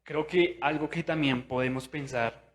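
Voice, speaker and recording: A young man preaching a sermon in a church, chatty and animated, asking his listeners questions and acting out what people think. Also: fairly high pitch, moderate pace. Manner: conversational, with tag questions; animated, acts out inner voices.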